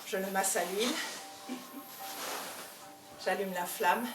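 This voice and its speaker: A woman with a Belgian French accent performing a theatrical stand-up monologue on stage, swinging between loud outbursts and hushed asides. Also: medium pitch, steady tone, slow, over music. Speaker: comedian. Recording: echoey hall, voice from far off, faint ambience.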